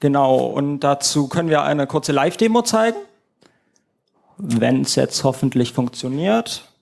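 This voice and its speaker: A man's voice: medium pitch, measured pace, creaky. A man presenting his team's app at a hackathon, walking through the screens step by step in a live demo.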